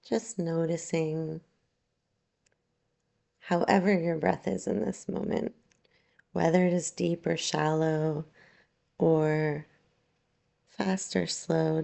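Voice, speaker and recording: Leading a yoga nidra session, a female meditation guide speaks gently and without hurry, leaving long pauses. Her voice is low and edged with creak.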